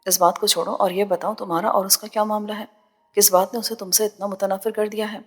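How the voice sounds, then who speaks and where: A woman voicing a confident, teasing young man in an audio novel, relaxed but pointed. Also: mid-range voice, slightly rough, long reverb tail. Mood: probing.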